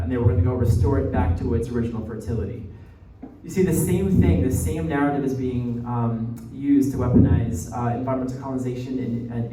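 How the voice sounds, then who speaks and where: A young American graduate student from New Jersey, speaking at medium pitch, gives an informal guest lecture in a conversational style. He often checks in with listeners, tagging his points with "right?". The room is echoey and the sound muffled, recorded on a distant mic with faint noise.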